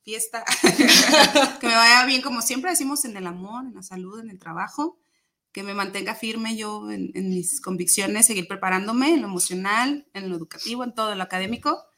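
A woman from Mexico hosting a casual talk show, lively and reading viewer greetings aloud. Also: mid-range voice, normal speed. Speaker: host. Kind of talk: casual chat.

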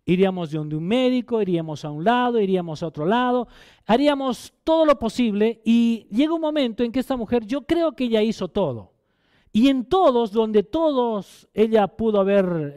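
A man preaching a Sunday sermon in a notably high voice. The sound is dry and close, with no room echo. He keeps turning to the listeners with questions and drives points home by repeating his phrases. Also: a little mellow. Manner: asks the congregation questions, repeats phrases for emphasis. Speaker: pastor.

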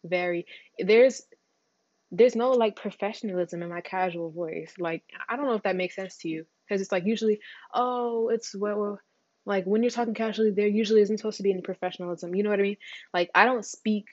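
A teenage girl hosts her own podcast in a loose, rambling chat. She talks fast, runs her words together and jumps between topics, peppering everything with slang. The recording is dry and a bit muffled. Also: medium pitch, darkish tone, no echo. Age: teens. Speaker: podcast host. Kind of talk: casual solo chat.

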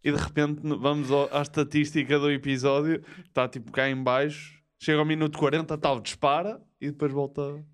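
A man's voice: on the high side, little pitch movement, a little fast, clear, resonant tone. A man with a European Portuguese accent chatting casually as a podcast co-host, often interrupting himself. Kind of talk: casual chat.

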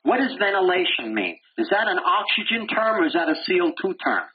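A man's voice: high-pitched, brisk. A man giving a medical lecture who quizzes his class and answers himself, with blunt, wry humor. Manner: animated, asks the class questions and answers them himself. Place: lecture room. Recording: dull lo-fi lecture recording with faint hiss.

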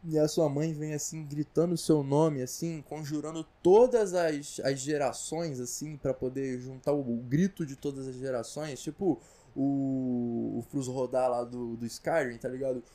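A man's voice: mid-range voice, fairly even intonation, unhurried, mellow. A Brazilian man rambling through a comedic casual monologue, slangy and full of asides. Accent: Brazilian Portuguese. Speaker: vlogger.

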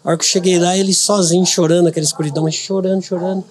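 A man's voice: high voice, little pitch movement, racing. A middle-aged man from Brazil, a podcast guest, telling a personal story earnestly and repeating words for emphasis.

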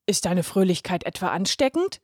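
A woman voicing a gruff, grumpy little boy in a read-aloud children's story. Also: fairly low pitch, sing-song, normal speed, no echo, clean studio sound. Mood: grumbling. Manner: gruff, grumbling, huffy. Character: grumpy serious little boy, sulky and stern. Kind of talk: storybook reading.

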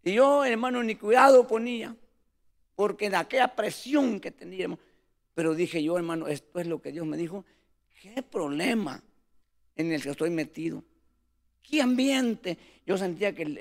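This preacher has a high, creaky voice and a moderate pace. Earnestly recounting his ministry as a testimony, he keeps addressing the listener as "hermano," meaning brother.

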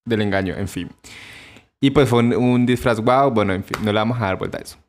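A man's voice: on the low side, brisk. A young man with a Colombian accent telling stories in a casual podcast chat, laughing often and acting out quotes. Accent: Colombian Spanish. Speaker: podcast co-host.

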